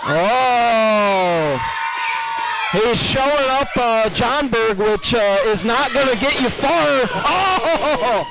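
A man calling a wrestling match play by play, excitable and joking, with many fillers. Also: very high voice, very slow, vocal fry, a loud crowd, poor audio. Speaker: play-by-play commentator. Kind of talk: wrestling commentary.

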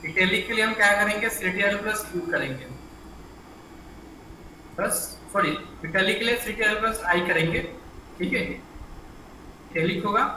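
This echoey male computer teacher has a high, pushed, bright voice and speaks at a normal pace, pausing often, with slight background noise. Teaching an online class, he walks through things step by step, asks students questions and keeps saying "ठीक है", all captured by a room mic set at a distance.

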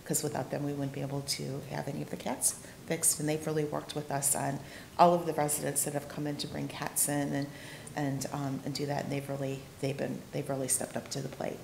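A woman's voice: deep voice, monotone, fairly quick, creaky, a little mellow. A woman in her forties from a cat rescue group, speaking earnestly to a city council and often restarting her sentences. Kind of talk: public comment at a council meeting. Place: council chamber. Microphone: desk microphone, camera at a distance. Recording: echoey council chamber, faint hum.

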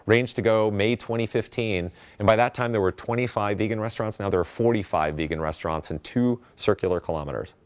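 Deep voiced guy giving an excited rambly talk on a festival stage, lots of ums. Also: brisk, few pauses. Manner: enthusiastic, chatty, frequent fillers and restarts. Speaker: conference speaker. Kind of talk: casual presentation talk with slides.

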